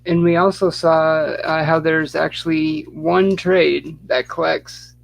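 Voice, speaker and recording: Man co-host, hesitant and rambling, gravelly tone, a bit high. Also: flat delivery, takes it slowly. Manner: rambling, hesitant, full of fillers. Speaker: podcast co-host. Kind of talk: casual chat.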